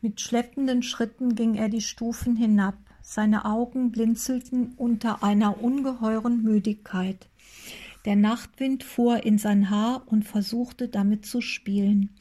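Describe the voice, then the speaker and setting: A woman reading a story aloud in calm, measured scripted narration. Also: fairly high pitch.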